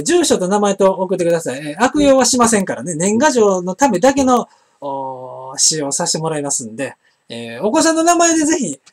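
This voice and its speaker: A middle-aged man with an Osaka Kansai accent, hosting a casual live-stream chat and rambling with many fillers as he reads viewer comments. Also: high voice. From Osaka, Japan. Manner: chatty, rambling, frequent fillers and restarts. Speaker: internet broadcast host.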